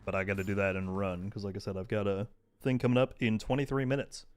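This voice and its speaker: A man's voice: lowish voice, flat delivery, fast talker. A man streaming a video game, chatting casually and thanking viewers by name. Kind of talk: casual live-stream chat.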